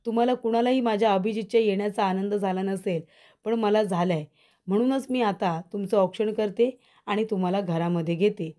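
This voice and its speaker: A woman voicing a devoted young wife who gently coaxes her husband and stands firm against the family. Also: medium pitch, brisk, lightly acted. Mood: coaxing. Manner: coaxing, tender toward her husband.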